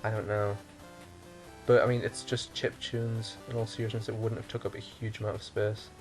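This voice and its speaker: A man co-hosting a relaxed podcast, rambling as he thinks out loud and catches his own mistakes. His voice sits on the lower side, and faint music plays behind him. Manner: rambling, thinks aloud and corrects himself. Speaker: podcast co-host. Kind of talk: casual podcast chat.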